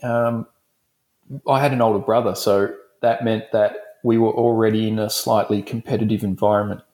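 A man's voice: lowish voice, little pitch movement, normal speed, a little mellow. An Australian man from Melbourne, a dentist guest speaking in a frank, rambling way in a casual interview.

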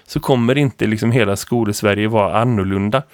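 A man in his thirties, a teacher co-hosting a podcast, who tells stories in a lively, rambling way full of fillers. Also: lowish voice, no room sound, clean studio sound. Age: 30s. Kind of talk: casual podcast chat.

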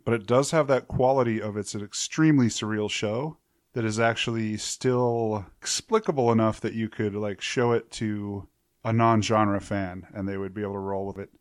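A lower-pitched man from central Wyoming, giving his take on a review podcast. His humor is dry and his thoughts ramble a little. The sound is close and dead dry. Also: steady tone, normal speed, dry recording. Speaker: podcast co-host. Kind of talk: casual review chat.

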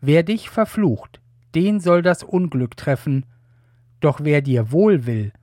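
A man voicing an aged blind patriarch giving blessings, in a solemn, measured reading. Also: a little high, lively intonation, a little mellow, no room sound, studio quality.

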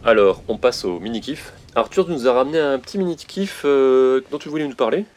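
A man hosting a podcast in casual chat. He jokes with his co-hosts and cuts in quickly with remarks and teasing. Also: medium pitch, animated, darkish tone, a little hiss or hum. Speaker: podcast host.

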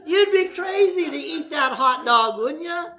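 Animated high-voiced male preacher. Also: a little slow. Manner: folksy, animated preaching with asides and jokes. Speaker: pastor. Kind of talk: sermon.

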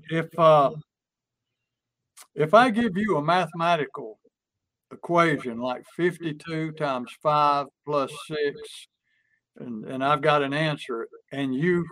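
A man's voice: a little high, fairly bright tone, no echo. A man explaining a point in casual conversation, using folksy stories and acted-out examples. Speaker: sales and persuasion speaker. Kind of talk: conversational teaching chat.

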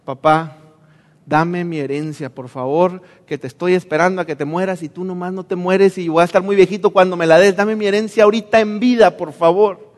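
A man's voice: high-pitched, steady tone, a little fast, long reverb tail, natural voice. A man acting out a wayward young son who pleads with his father. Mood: pleading.

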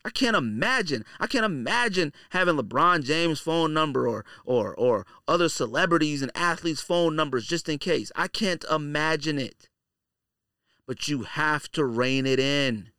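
A podcast host delivers a casual, opinionated monologue, blunt and slangy, repeating phrases for emphasis. His voice is a little high, expressive, pushed and bright at normal speed. The tone is clean, with no echo and clean studio sound.

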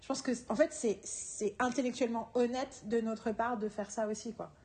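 A woman co-hosting a casual podcast chat who laughs often and talks in a lively, quick way. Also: a little high. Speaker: podcast co-host and screenwriting teacher.

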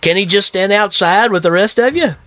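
A man's voice: high-pitched, a little fast. A man co-hosting a podcast, chatting casually and jokily about a bad movie, acting out scenes as he goes. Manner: jokey, animated, acts out scenes. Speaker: podcast co-host.

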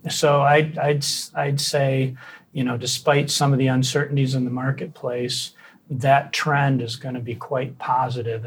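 A man speaking as a guest commentator in a measured, conversational way. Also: mid-range voice, a little hiss or hum, low-quality recording.

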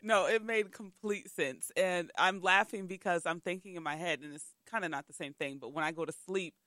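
A man's voice: sits high, a little fast, pushed and bright, no echo, clean studio sound. A man hosting a casual podcast chat, an easygoing interviewer.

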